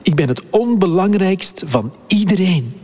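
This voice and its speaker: A man voicing a gloomy small cricket who thinks to himself in a hushed, musing way, with a husky voice. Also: high voice, expressive, measured pace, long reverb tail, voice pushed up, heavily acted. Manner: hushed, musing inner thoughts. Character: gloomy small male cricket, quiet and lost.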